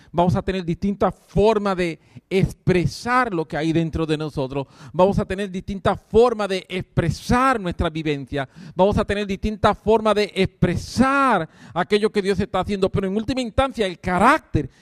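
A male pastor preaching a sermon, swinging between high and low, calling out to his congregation. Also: dry recording, studio quality. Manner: calls out to the congregation.

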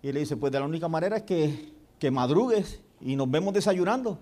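A man's voice: fairly high pitch, a little fast. A man, a pastor telling a story in a sermon and acting out the dialogue. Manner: storytelling with animated quoted dialogue.

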